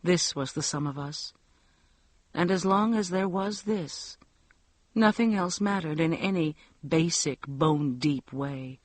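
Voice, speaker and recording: High-voiced male audiobook narrator. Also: unhurried, no room sound. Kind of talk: first-person novel narration.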